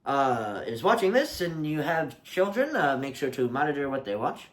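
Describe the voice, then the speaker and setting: A young adult giving a casual, exasperated rant full of rhetorical questions, slightly muffled as if speaking from inside a rubber mask. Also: mid-range voice. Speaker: video creator.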